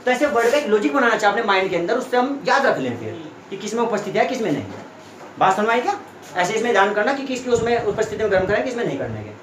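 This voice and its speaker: A man's voice: sits high, big pitch swings, very fast, fairly bright tone, a little hiss or hum. Young man, classroom tutor, repetitive check-ins, echoey room recording. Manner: repetitive, keeps checking students follow. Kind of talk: classroom lesson explaining chemistry. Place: small classroom with students.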